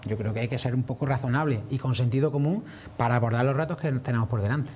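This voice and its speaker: A man's voice: mid-range voice, fast talker, darkish tone, slight background noise. A man answering as a farmers' representative in a broadcast interview, earnest and explanatory.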